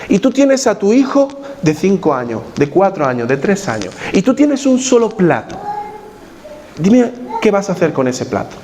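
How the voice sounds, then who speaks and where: A Spanish-pastor with a rather high voice delivers a sermon in a church. He asks his listeners questions and drives his main points home by repeating them. A faint hum of room noise sits under his voice. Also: big pitch swings, moderate pace, mellow. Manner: questions the congregation directly, repeats key points.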